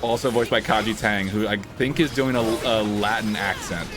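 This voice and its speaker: A man's voice: on the low side, fairly even intonation, moderate pace. Wisecracking male streamer over game music. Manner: joking, sarcastic, swears freely. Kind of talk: casual game-stream banter.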